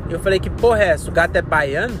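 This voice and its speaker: High-voiced Brazilian man, rambling casually. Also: quick pace, noisy background. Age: 30s. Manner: rambling, slangy, thinking aloud. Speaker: comedian and podcast host. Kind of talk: casual solo podcast monologue. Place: inside a car while driving.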